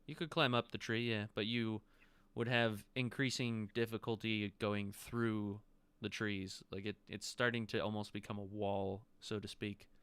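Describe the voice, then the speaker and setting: A man's voice: on the low side, little pitch movement, a little slow, hardly any pauses, a bit bright, clean tone, no echo. A man narrating a tabletop game as game master, describing scenes loosely with casual fillers.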